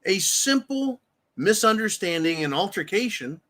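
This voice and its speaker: High-voiced man ranting on a livestream. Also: big pitch swings, measured pace, a bit bright. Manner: blunt, profane ranting, acts out quoted voices. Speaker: livestream host. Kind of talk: casual live-stream commentary.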